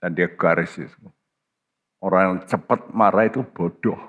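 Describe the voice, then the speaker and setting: A man preaching a sermon as pastor, slow and emphatic, with sudden high-pitched stresses on key words. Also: phone-quality sound. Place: church. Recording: church hall reverb.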